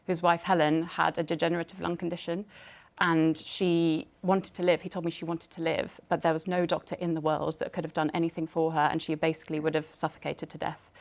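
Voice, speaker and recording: Flat gravelly woman MP. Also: sits low. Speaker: member of parliament. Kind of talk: studio panel discussion.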